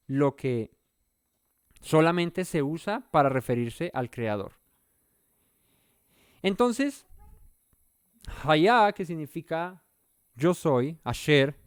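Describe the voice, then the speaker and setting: Smooth-voiced man teaching Bible study. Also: on the high side, no echo, clean studio sound. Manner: keeps asking the listeners questions; conversational, thinks aloud.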